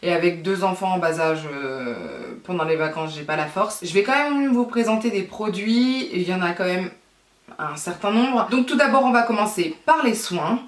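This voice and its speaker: A woman's voice: lowish voice, lively intonation, normal speed. A woman in her thirties from France, casually reviewing beauty products in a chatty, repetitive way with frequent hesitations. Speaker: beauty vlogger. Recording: roomy sound from a distance.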